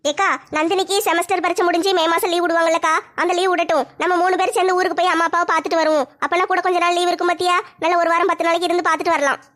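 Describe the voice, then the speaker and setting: A warm, talkative middle-aged policewoman, as a woman plays her, with a very high voice and a brisk pace. She spins long family stories in a homemade comedy skit. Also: flat delivery.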